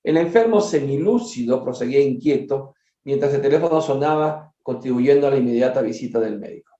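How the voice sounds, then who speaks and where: A man's voice: medium pitch, animated, fairly quick, dark tone. A man leading a study group, reading a book aloud and breaking off to comment to his listeners in a conversational way. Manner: conversational, with frequent asides to listeners. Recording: echoey dull lo-fi room.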